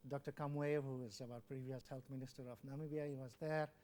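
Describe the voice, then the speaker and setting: Speaking fairly quickly in a mid-range, mellow voice with fairly even intonation, an older Bangladeshi man recounts his life during an interview. He is a former health official who was the WHO's country representative. Earnest in tone, he repeats words and performs remembered exchanges.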